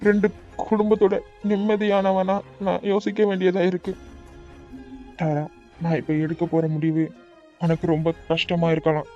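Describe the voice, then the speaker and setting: Man voicing a pleading cartoon lover, high-ish tone, muffled dry recording. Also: dark tone. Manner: anguished, pleading. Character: young man torn between love and family. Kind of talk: cartoon voice acting. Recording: dull dry recording with faint music.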